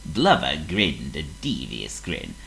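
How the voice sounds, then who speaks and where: A man reading a children's story aloud as storyteller, slow and expressive. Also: rumbling low, creaky, soft background music, low-quality recording.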